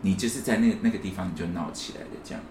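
A podcast co-host with a low, darkish voice talks rapid-fire in a casual chat, telling a story and acting out the quoted lines. The room is echoey with a faint hiss.

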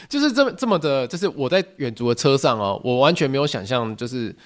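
A man hosting a solo podcast, telling stories in an animated, joking, mock-outraged way. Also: medium pitch, a little fast. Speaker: podcast host.

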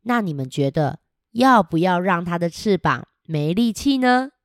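A woman storyteller, reading a picture book to children in an animated way, often asking them questions and adding playful sound effects. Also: fairly low pitch, unhurried, dry recording, clean studio sound.

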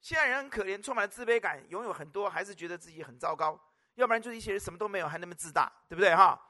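A man's voice: sits high, animated, very fast, bright, forceful tone. A male pastor preaching a sermon, emphatic and repetitive, firing rhetorical questions at his congregation. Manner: repeats phrases for emphasis.

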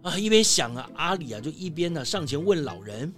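A woman narrating a children's story in a lively voice, full of exclamations. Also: sits low, brisk, faint music behind.

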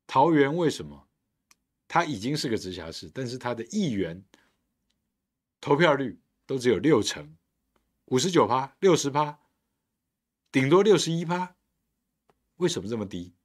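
A man who hosts a podcast and is running for council delivers a combative, sarcastic political monologue. His mid-range voice has a sing-song quality, moves at normal speed, and includes long pauses.

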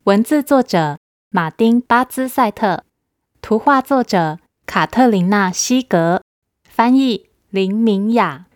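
A woman host reading a picture book aloud to children, in a gentle, coaxing manner. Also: medium pitch, lively intonation, unhurried. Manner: gentle, coaxing, addressing kids.

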